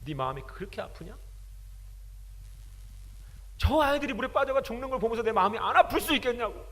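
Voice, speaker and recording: A man's voice: extremely high pitch, big pitch swings, brisk, fairly bright tone, voice pushed up, full character voice. A male preacher quoting Jesus in a grave, reproachful voice during a sermon. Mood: grave rebuke. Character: sorrowful rebuking Jesus, male, vast and solemn. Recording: long hall reverb.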